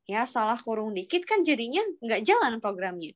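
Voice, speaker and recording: Woman lecturer on a video call, talks math slow n patient, keeps asking if everyone got it, a bit high voice. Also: very animated. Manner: patient, prompting students with questions. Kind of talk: online calculus lesson.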